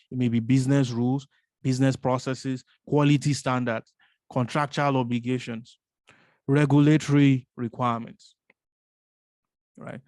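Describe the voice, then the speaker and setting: Male course instructor, mid-pitched, dry close sound, rhetorical teaching style with steady "right?" check-ins. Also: dry recording. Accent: non-American English. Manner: repeats "right?" often, asks rhetorical questions. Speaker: business analysis instructor. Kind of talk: explanatory course lecture.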